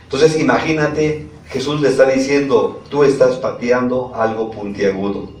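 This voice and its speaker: Pastor preaching in an echoey hall. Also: male voice, medium pitch, fairly even intonation, normal speed, a little hiss or hum. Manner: reads scripture aloud and asks the congregation questions. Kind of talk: sermon. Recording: echoey room, from a distance.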